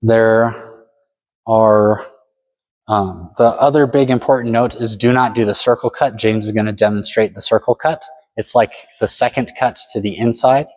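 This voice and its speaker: A man's voice: fairly low pitch, steady tone, moderate pace, darkish tone. A man giving a step-by-step demonstration lesson as a fencing instructor, matter-of-fact and full of directions.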